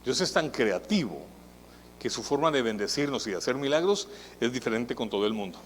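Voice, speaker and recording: A man preaching a sermon as pastor, in a conversational, animated way that acts out the people he quotes. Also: medium pitch, brisk, in a large hall, slight background noise, poor audio. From Colombia. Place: church hall.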